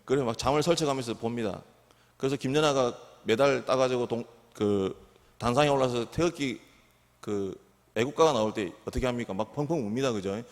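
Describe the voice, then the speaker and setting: A man's voice: medium pitch, a little fast. A middle-aged man, a pastor, preaching a sermon to his congregation and often asking them questions. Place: church sanctuary. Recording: reverberant church hall.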